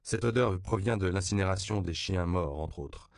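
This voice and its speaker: A man reading a wry, calm Jesuit brother. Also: low-pitched, moderate pace, creaky, smooth, dry recording. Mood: matter-of-fact. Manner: calm, matter-of-fact. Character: plain-spoken male Mexican Jesuit brother, patient, wry. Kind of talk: audiobook character reading.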